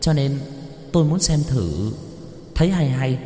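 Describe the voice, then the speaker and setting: A man voicing a gentle young female ghost from ancient times who speaks softly and politely. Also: medium pitch, very animated, unhurried, reverberant, long reverb tail, soft background music, pitched above the performer's own voice.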